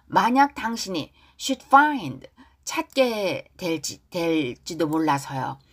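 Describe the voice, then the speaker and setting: A woman teaching English pronunciation through song lyrics, reading lines slowly and explaining them briskly. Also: lowish voice, expressive, husky.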